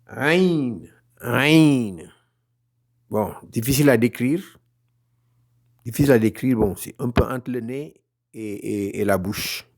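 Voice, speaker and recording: A Quran recitation teacher speaks in a mid-range, gravelly voice at normal speed during a slow, step-by-step online lesson. He is patient and encouraging, offering gentle reassurance and repeating each sound several times so his students can follow.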